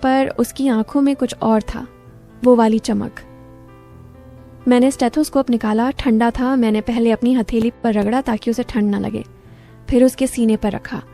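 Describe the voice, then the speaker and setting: A woman narrating a first-person story with calm, even pacing. Her voice is fairly high yet mellow and soft-edged. Faint music plays underneath. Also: moderate pace.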